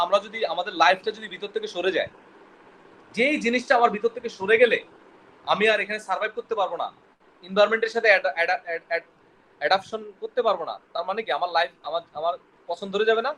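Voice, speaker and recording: A man lectures a biology class at a quick clip in a high voice, often quizzing his students and stumbling over technical words. Faint room ambience sits behind him. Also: a bit bright, slight background noise, low-quality recording. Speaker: biology teacher.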